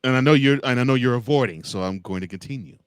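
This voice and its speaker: A man's voice: medium pitch, fast, smooth, no room sound. An American man co-hosting a casual college football discussion, repeating words and phrases for emphasis. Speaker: sports show co-host.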